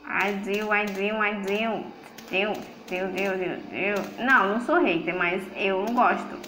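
A Brazilian woman giving live gameplay commentary, excitable, laughing often and chattering to her viewers and the game. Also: medium pitch, unhurried. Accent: Brazilian Portuguese. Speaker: livestreamer. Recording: roomy echo with game music.

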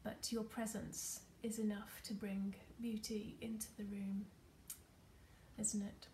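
A woman leading a gentle guided meditation while folding paper, talking softly with many fillers and often dropping to a near whisper. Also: mid-range voice, level tone, takes it slowly, slight background noise. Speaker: meditation leader. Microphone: computer or phone camera.

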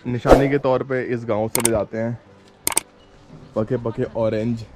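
This travel vlogger, a man in his thirties, speaks at a medium pitch with a level, unhurried tone. He chats casually to a handheld camera outdoors on mountain roads and in villages, friendly and informal, calling both viewers and locals "brother."

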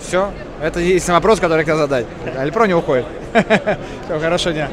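Man, casual expo interviewer, slightly high voice, joking, crowd chatter behind. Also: fast. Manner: chatty, joking, hesitant fillers. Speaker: video blogger at a trade expo. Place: crowded indoor expo hall. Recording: loud crowd noise behind.

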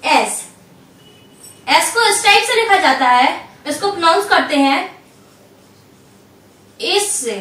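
A woman teaching a language lesson, going slowly and patiently through each letter and repeating it. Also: very high voice, lively intonation, fairly bright tone, roomy sound, far from the mic.

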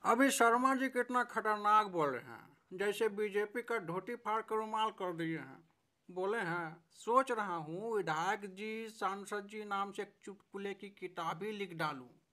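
A man with a high voice narrates in a mocking, teasing tone, reading reactions aloud as a voice-over. His commentary keeps a sarcastic edge throughout. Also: measured pace, sharp tone. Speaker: channel narrator.

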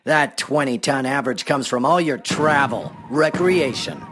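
Man as slow, gloating cartoon gas-cloud villain. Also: medium pitch, expressive, a bit bright, a little hiss or hum. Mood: threatening. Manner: gloating, threatening. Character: menacing, taunting carbon dioxide cloud, a cartoon villain. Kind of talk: cartoon character acting.

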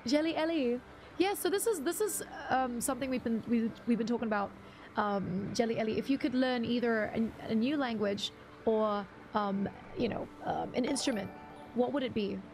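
A woman's voice: a little high, moderate pace, darkish tone, slight background noise. A young woman streaming a game, chatting casually, greeting viewers and reading chat aloud with many ums. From half English, half Bruneian. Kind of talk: casual live-stream chat while gaming.

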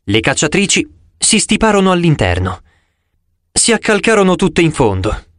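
Male audiobook narrator, animated delivery, lively pitch, dry close studio sound. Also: no room sound. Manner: expressive, animated storytelling. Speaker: audiobook reader.

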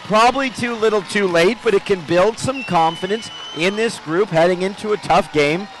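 A high-pitched man calls a night football game play by play. His voice climbs into loud, excited calls whenever a big play breaks. He sounds like he is at an outdoor stadium. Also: normal speed, a faint crowd. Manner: excited calls that rise sharply on big plays. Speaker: play-by-play announcer. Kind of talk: live football commentary.

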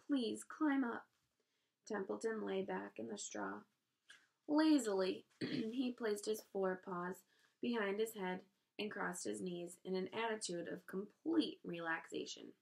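A woman reading a children's novel aloud with expressive storytelling. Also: medium pitch, unhurried, gravelly. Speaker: reader.

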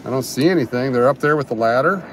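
A man chatting casually into a handheld phone as he livestreams from a downtown street, at an ordinary middle pitch. He gives easygoing running commentary and answers viewer comments. Faint traffic noise sits behind his voice. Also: fast, fairly bright tone. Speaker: livestream host.

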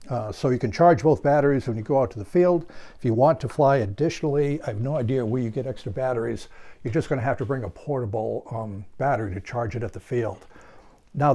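A man's voice: medium pitch, dark tone. An older man giving a hands-on product tutorial in his home workshop, explaining steadily and stressing key points. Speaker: hobby reviewer.

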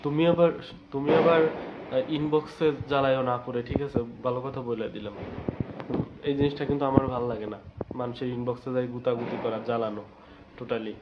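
A man hosting a casual live stream, chatting with viewers and scolding them, talking quietly so he won't wake others. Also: medium pitch, steady tone, moderate pace, pauses often. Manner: talking quietly because others are asleep. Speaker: live stream host reading viewer comments. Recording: slightly dull, noisy live stream audio. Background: background noise, firecrackers.

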